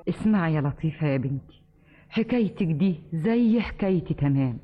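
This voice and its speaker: An actress in an old Egyptian radio drama playing a worn-out, remorseful wife who pleads urgently, with an Egyptian accent. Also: female voice, sits low, animated, a little fast, over loud music. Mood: pleading. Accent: Egyptian Arabic. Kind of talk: 1950s radio drama acting. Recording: thin phone-like old radio recording.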